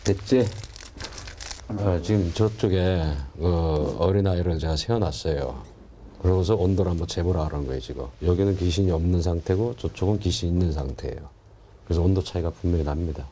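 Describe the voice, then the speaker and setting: Mellow low guy, exorcist explaining stuff on the spot, soft music under. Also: a little fast, a little hiss or hum. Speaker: exorcist guiding a haunted-house visit. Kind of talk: unscripted spoken explanation on location.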